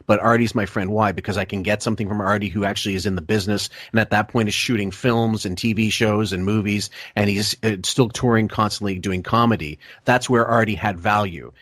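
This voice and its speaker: Man, podcast host, lowish voice, dry close sound, blunt and profane, restarts a lot. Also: steady tone, fairly quick, hardly any pauses, fairly bright tone, no room sound. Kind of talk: casual podcast discussion.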